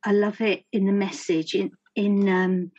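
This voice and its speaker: A woman's voice: mid-range voice, flat delivery, unhurried, dark tone, slightly rough, no echo. Woman, dry muffled sound. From Romford, Essex, England. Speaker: guest speaker, charity founder. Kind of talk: informal personal talk to a group.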